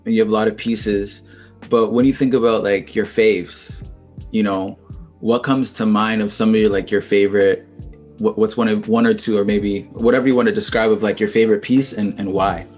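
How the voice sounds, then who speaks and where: A man's voice: fairly low pitch, steady tone, moderate pace, a little mellow, faint music behind. A man hosting a casual interview, asking long, searching questions full of fillers and slang. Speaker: interviewer, host.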